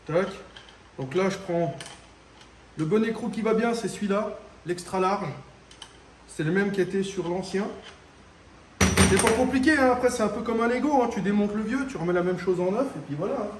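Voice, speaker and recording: A man's voice: high-pitched, normal speed, pauses often, slight background noise. Slangy man talking in an echoey garage. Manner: slangy, talks straight to the viewer, swears when annoyed. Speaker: home mechanic showing a car repair. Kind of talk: casual workshop vlog. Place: garage workshop.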